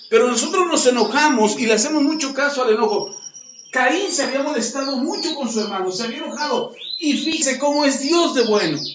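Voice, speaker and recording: Pastor, male, high voice, sermon delivery with acted dialogue. Dull, distant room recording. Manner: acts out dialogue in lively voices. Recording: roomy, distant, dull sound with faint noise.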